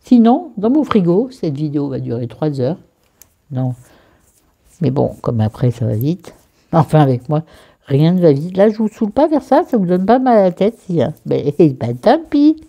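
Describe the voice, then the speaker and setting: Lively low-voiced woman vlogging. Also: normal speed, creaky, highs cut off. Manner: chatty, rambling, self-mocking, with crude asides. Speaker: beauty vlogger. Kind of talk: casual skincare vlog. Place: bedroom at home.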